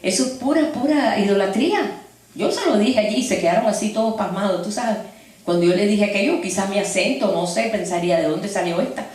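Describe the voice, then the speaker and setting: Woman, preacher, animated storytelling sermon, distant mic, very echoey hall. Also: medium pitch, brisk.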